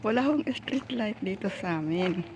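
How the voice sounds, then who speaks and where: A woman's voice: mid-range voice, expressive, moderate pace. A woman vlogging casually on a handheld phone, chatting, laughing often and pointing things out as she walks. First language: Tagalog. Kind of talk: casual walking vlog. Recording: loud outdoor night noise with crickets.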